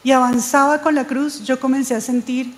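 A woman preaching a sermon, telling a personal testimony in an animated way. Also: high-pitched, moderate pace, in a large hall, low-quality recording. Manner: animated storytelling, quoting others, laughing at herself.

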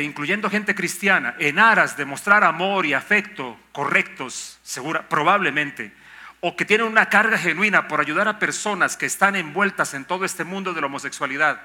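A man's voice: sits high, lively intonation, normal speed, sharp tone. An older man, a pastor preaching a sermon emphatically, with rhetorical questions and mock objections.

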